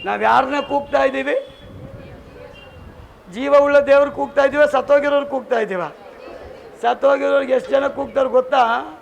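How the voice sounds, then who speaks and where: A man's voice: extremely high pitch, steady tone, moderate pace, gravelly, long pauses, dull audio, a little hiss or hum. A man preaching a sermon at a church service, fervent and repeating scripture lines with emphasis, breaking into joking asides. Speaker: pastor.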